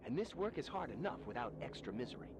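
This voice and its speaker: A resigned game-world worker. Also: male voice, mid-range voice, vocal fry, background noise. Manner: calm, measured, resigned. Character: resigned weary male mill worker, calm. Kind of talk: video game dialogue.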